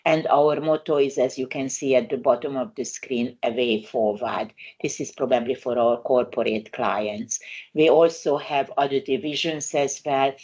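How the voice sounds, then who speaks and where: A Hungarian-accented woman in her 60s, a migration lawyer, presents a webinar in a bass voice with the highs cut off. She speaks unhurriedly, with frequent "uh" fillers and non-native grammar.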